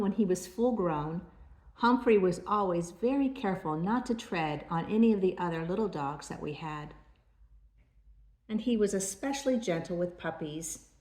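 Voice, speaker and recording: A woman's voice: medium pitch, darkish tone. Echoey older woman, grandma storytelling voice. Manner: grandma voice, measured storytelling delivery. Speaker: grandmother reading aloud. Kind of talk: read-aloud children's storybook narration.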